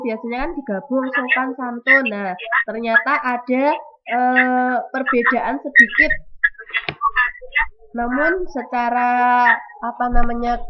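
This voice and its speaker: Woman teacher on a noisy video call. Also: on the high side. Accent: Indonesian. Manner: explains slowly, repeats key terms. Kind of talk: online class lesson. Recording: dull lo-fi audio with clear noise.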